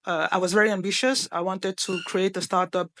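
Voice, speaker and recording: A woman's voice: mid-range voice, fairly even intonation, brisk, fairly bright tone. A woman from Cameroon, a startup founder speaking earnestly on a panel with frequent hesitations. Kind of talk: panel discussion.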